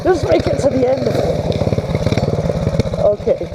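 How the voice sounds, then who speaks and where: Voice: high-pitched, expressive, takes it slowly. A vlogger talking casually from inside a helmet while riding a mini bike outdoors. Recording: loud engine and outdoor noise.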